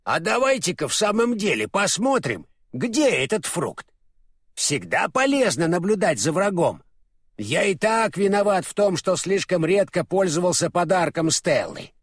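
A man's voice: high voice, wildly swooping pitch, unhurried, hardly any pauses, husky, no echo, clean studio sound, pitched above the performer's own voice, full character voice. A man voicing an eager, curious straw scarecrow in an audiobook, raising his voice above his narration. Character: eager, earnest male straw scarecrow ruler. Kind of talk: audiobook character voice.

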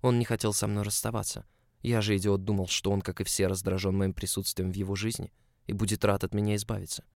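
A man reading a first-person story aloud, emotional and confessional in tone. His voice is low and even. The recording is dry, with no echo around it. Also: quick pace. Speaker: audiobook narrator.

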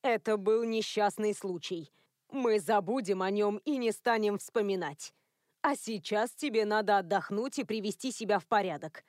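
A woman voicing a prim, controlling elderly woman who is a werewolf grandmother, lecturing in a cold, even tone. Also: mid-range voice, moderate pace, no echo, studio quality, close to an everyday voice. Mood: stern.

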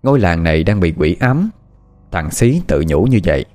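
A man narrating a horror story with expressive, dramatic pacing. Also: sits low, moderate pace. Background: faint music.

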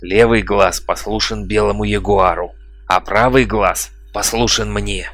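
A man's voice: lowish voice, little pitch movement, moderate pace, fairly bright tone, no room sound, lightly acted. A man voicing a cruel old male shaman who taunts and cackles, in an audiobook reading. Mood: mocking.

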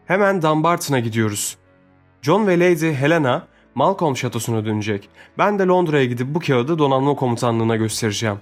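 A calm, commanding young lord, rich and kind, who gives clear orders , as the narrator voices him. The voice stays close to a man's mid-range reading tone. Soft music plays under the storybook. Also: mid-range voice, fairly quick, close to an everyday voice.

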